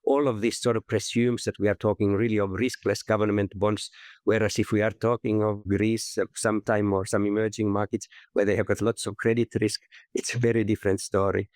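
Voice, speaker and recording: A man talks through ideas in a thoughtful, measured way, often adding small hedging asides. His voice sits fairly low, and the recording is close and dry with almost no room sound. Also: level tone, darkish tone, no room sound. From Finland. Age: 60s. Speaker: guest, investment researcher. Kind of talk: conversational interview answer.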